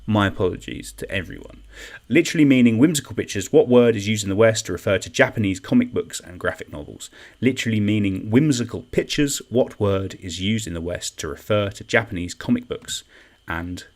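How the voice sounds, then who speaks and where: A man's voice: fairly low pitch, brisk. A young man hosting an online quiz in a chatty, self-deprecating way, reading out comments and repeating each question. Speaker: quiz host. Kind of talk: casual live-stream quiz hosting.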